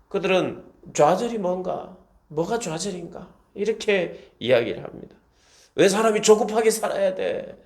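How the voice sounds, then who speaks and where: A man's voice: high-pitched, darkish tone. A man, a pastor, giving a devotional Bible reflection, explaining scripture and paraphrasing quotes.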